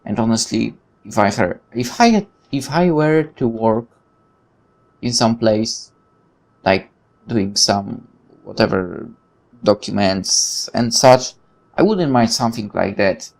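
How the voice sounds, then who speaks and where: Slow and gravelly, this mid-range male voice reads visual novel text aloud for a let's play, wandering into casual asides and sometimes fumbling words.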